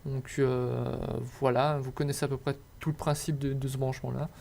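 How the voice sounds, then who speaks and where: Narrating slides for a hobby electronics tutorial, a young man speaks in a level, medium-pitched voice at normal speed, with a creaky, dark tone. He's casual and hesitant, stumbling through fillers and restarts while joking at his own expense.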